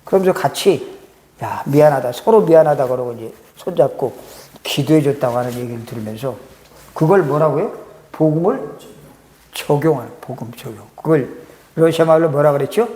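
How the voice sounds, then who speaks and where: A man's voice: a little high, animated, a little fast, dark tone. A man, a pastor, preaching a sermon and asking the congregation rhetorical questions. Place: church sanctuary. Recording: echoey church hall reverb.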